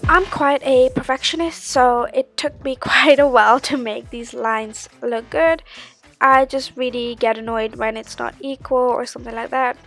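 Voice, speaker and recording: A woman's voice: on the high side, fairly even intonation, normal speed, a bit bright, faint music behind. A woman giving a casual, chatty makeup tutorial, explaining step by step. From Sri Lanka.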